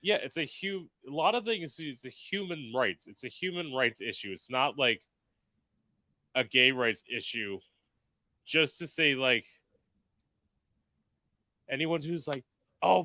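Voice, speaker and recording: A podcast host who performs in drag chats casually and emphatically, filling his speech with "like." His male voice is fairly high, bright, and forceful, with lively intonation, a little slow and often pausing, and there's no echo.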